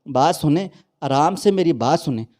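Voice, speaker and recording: An anxious middle-aged mother speaks urgently in a mellow, somewhat raised voice, pleading with her husband. A man voices her in a storybook reading. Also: fairly high pitch, lively intonation, close to an everyday voice.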